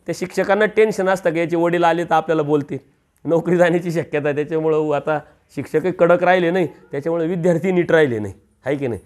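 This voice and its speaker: A man's voice: a little high, fast talker, a little mellow. A man preaching a storytelling sermon, acting out the voices of a village parable and rising for emphasis.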